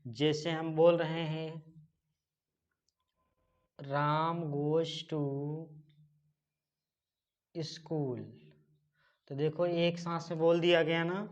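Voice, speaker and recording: Male teacher, slow, deliberate dictation, slightly raised pitch, dull lo-fi sound; spells words out and quizzes the class. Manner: spells words letter by letter, repeats phrases and asks the class questions. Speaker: English teacher. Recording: dull lo-fi recording.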